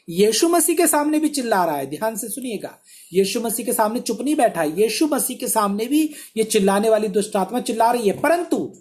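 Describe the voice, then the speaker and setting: A man's voice: sits high, darkish tone. A male pastor preaching a sermon in an emphatic, exhortative way, asking many rhetorical questions.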